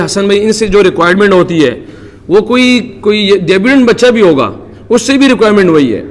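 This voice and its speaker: Earnest Pakistani cricketer, high voice. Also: male voice, in a large hall. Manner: earnest, devout, many religious phrases. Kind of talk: press conference answers.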